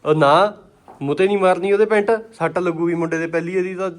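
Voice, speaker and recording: A man's voice: high voice, fairly even intonation, fast talker, dry recording. A man with a Punjabi accent vlogging casually and joking heartily with his friends as he shops. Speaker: vlogger and cameraman. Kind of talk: casual shopping vlog chat.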